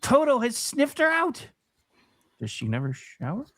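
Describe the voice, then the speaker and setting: A man playing an excitable, kindly scarecrow in a comic radio play, fretful and given to stammered exclamations. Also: very high-pitched, measured pace, no room sound, clean studio sound, full character voice. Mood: earnest.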